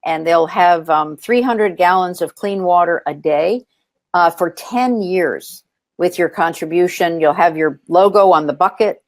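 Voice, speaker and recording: An earnest woman talks as a guest on an interview show, sharing her story with plenty of ums and restarts. Her voice sits low and grounded throughout. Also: unhurried, dry recording. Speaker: nonprofit founder, interview guest. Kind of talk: interview conversation.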